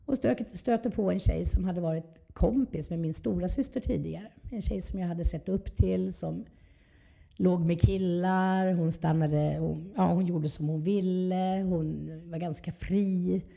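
A woman speaks in a very dark, mellow voice with plenty of creak. She is an interview guest telling a personal story, candid and reflective, in a lowish register. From southern Sweden.

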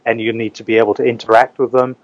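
A man from New Zealand chats as an interview guest in an average-pitched voice. The recording is dry and a little dull and lo-fi. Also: flat delivery, fast, no room sound. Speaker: interview guest, English teacher. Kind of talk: casual interview talk.

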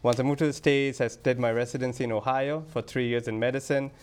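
A man's voice: medium pitch, steady tone, quick pace, a little mellow, clean tone. A man from Bangladesh, a cardiologist guest on a call-in medical show, talking in a matter-of-fact, casual way.

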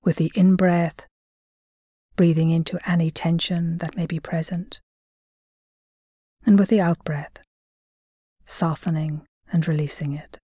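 A woman leads a guided mindfulness meditation in a soft, husky, low voice with fairly even intonation, soothing and measured. She trails into breathiness and leaves long pauses between phrases. The recording is dry and clean, studio sound.

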